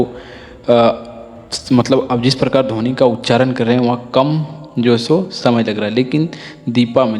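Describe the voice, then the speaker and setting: A man's voice: mid-range voice, a little mellow. A man teaching a phonics lesson, who explains patiently, drills word lists and asks listeners to repeat after him. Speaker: English teacher. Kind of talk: classroom-style phonics lesson. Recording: long hall reverb.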